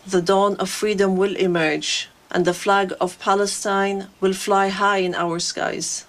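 A woman interpreter speaking a translation voice-over of a formal speech, in a measured, formal delivery. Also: medium pitch, level tone.

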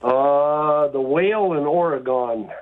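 A man's voice: on the high side, takes it slowly. A man calling in to a radio show, chatty and friendly, heard over the phone. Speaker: caller. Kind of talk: casual phone call. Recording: phone line.

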